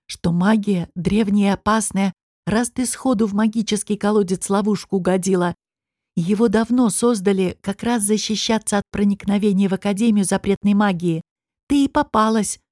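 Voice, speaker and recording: A woman's voice: mid-range voice, dark tone, no room sound, studio quality, close to an everyday voice. A woman voicing a sullen young man who guards a prisoner and explains her fate, in an audiobook. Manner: embarrassed mumbling.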